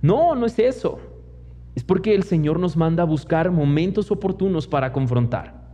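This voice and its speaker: A man's voice: fairly high pitch, expressive, moderate pace, warm tone. A young man with a Mexican accent preaching a sermon as pastor, telling personal stories and acting out the voices of the people in them. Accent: Mexican Spanish. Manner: storytelling preacher who mimics others in quoted asides. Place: church hall. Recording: long church hall reverb, dull lo-fi sound.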